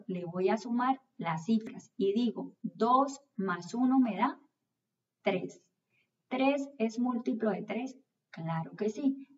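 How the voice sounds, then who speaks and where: A woman presents a children's lesson in a medium-pitched voice, picked up away from the mic with slightly dull sound. She explains step by step in a didactic way, repeating rules and posing questions that she then answers. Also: a little mellow, distant mic. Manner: didactic, asks questions and answers them herself. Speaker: math teacher presenting a video lesson.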